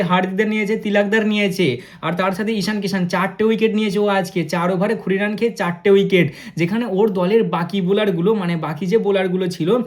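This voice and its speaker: A man, talking fast and excitedly as he reviews a cricket match and speaks straight to his viewers. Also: high-pitched. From India. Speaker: cricket vlogger.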